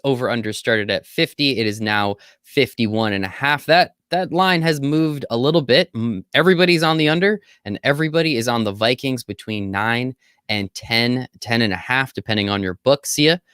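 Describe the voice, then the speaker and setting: A man co-hosting a sports betting podcast, talking in an energetic, jokey way and swearing casually. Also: mid-range voice, normal speed, clear, resonant tone, no echo, clean studio sound. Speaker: podcast co-host.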